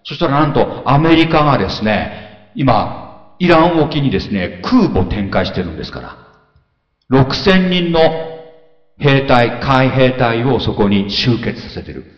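A man preaching a sermon, telling stories with lively, animated delivery and mimicking grumbling crowds. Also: mid-range voice, measured pace. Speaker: pastor. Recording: echoey hall, dull lo-fi sound.

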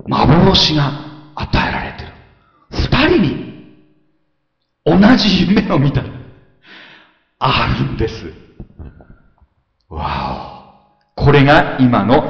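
A man preaching in a big echoey hall, and his voice swoops high and low as he tells the story. He acts out grumbling crowds with rapid muttering. The recording sounds dull and lo-fi. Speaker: pastor. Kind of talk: sermon.

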